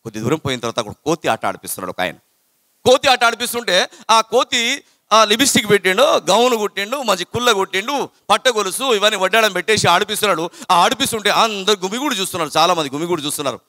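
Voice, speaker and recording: High bright man, storytelling to students. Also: quick pace, dry recording, studio quality. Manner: animated, repetitive, chanting. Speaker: motivational speaker to students. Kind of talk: storytelling talk with sung verses.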